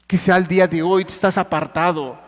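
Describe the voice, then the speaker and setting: High-voiced preacher in an echoing church. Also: male voice, steady tone, brisk. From Mexico. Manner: swings between hushed and forceful preaching, addresses listeners directly. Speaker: pastor. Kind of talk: sermon.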